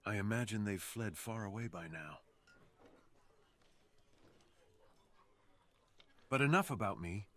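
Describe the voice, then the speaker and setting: In an ASMR roleplay, a man voices a menacing, sadistic fox assassin with a remorseful streak, delivering a close, dramatic monologue to the listener. His voice is fairly low, expressive, brisk, and a bit bright, and he savors his phrases in a theatrical, intimate way while sounding courteous and gentle.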